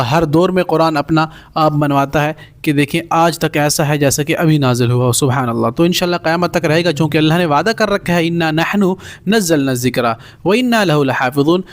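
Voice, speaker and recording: A man who teaches a recorded Quranic Arabic class. His voice sits a little above the usual male range. He draws out each Arabic phrase slowly, then explains it in plain, everyday words. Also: fairly high pitch. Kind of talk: recorded language lesson.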